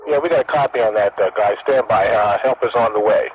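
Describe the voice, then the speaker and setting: A man doing a friendly trucker answering calls over a CB radio, rattling off slang at a quick clip with easy fillers. The voice sits in a middle register and comes through the radio link. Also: on the low side, a crowd in the background, low-quality recording. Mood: easygoing. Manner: CB slang, relaxed drawl with fillers. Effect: trucker talk over a CB radio. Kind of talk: scripted radio role-play.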